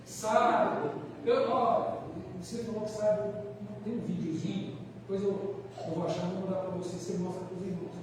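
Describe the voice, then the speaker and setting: A Brazilian man preaching a sermon, telling a personal story in an earnest, animated way with changing volume. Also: high-pitched, normal speed. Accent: Brazilian Portuguese. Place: church hall. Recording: echoey church hall, mic far off, faint noise.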